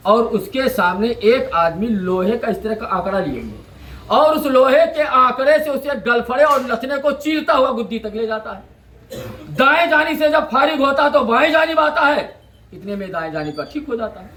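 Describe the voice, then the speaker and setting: A man's voice: very high-pitched, bright, forceful tone. A man delivering a Friday sermon in a mosque, speaking in rhythmic repeated phrases and reciting Arabic verses. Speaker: preacher. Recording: echoey mosque hall.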